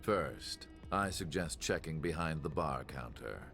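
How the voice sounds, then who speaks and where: Deep, gravelly old villain, monologuing slowly. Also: male voice, expressive, fairly bright tone, soft background music, exaggerated voice. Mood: cold, menacing. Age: older. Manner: slow villain monologue, deliberate and theatrical. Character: scheming old male villain, calm, smug, explaining his plot. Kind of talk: video game voice acting.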